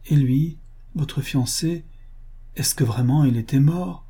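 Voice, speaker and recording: A man's voice: medium pitch, slow pace, breathy edge, voice pushed up. A man voicing an earnest, compassionate frontier scout in a read-aloud pulp western. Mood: sympathetic. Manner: earnest, gentle questions. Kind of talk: audiobook reading of a pulp novel.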